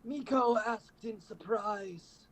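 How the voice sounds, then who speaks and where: A man's voice: high-pitched, slow, crowd noise, low-quality recording. A man co-hosting a comedy show, reading fan fiction aloud with wry, swearing asides. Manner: wry, swears casually, adds sarcastic asides.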